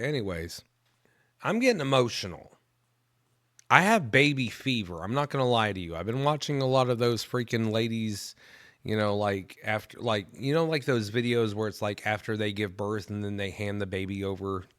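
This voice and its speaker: A man's voice: lowish voice, a little fast, clear, resonant tone, no echo. A man in his thirties hosting his own show, talking in a rambling, profane, emotional way with many restarts. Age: 30s. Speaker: show host. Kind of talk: casual solo monologue.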